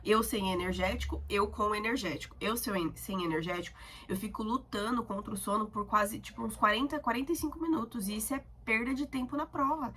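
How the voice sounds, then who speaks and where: Fast-talking chatty Brazilian young woman. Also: a little high, slight background noise. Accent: Brazilian Portuguese. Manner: chatty, talkative, animated storytelling. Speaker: student vlogger. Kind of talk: casual chat to camera.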